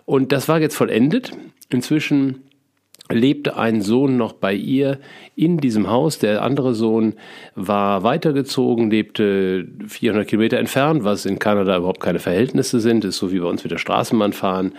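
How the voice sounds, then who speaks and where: Middle-aged man, lowish voice, reflective storyteller; hesitant, musing delivery with frequent fillers. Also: moderate pace, darkish tone. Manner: reflective, spiritual, many fillers and restarts. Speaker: feng shui consultant telling his life story. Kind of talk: personal storytelling monologue.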